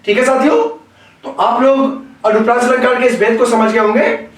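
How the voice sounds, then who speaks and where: Male teacher, slow deliberate lecture, repeats phrases; recorded off-mic in a booming room. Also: steady tone, distant mic. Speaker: Hindi grammar teacher. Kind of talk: classroom lecture. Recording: very echoey room, voice away from the mic.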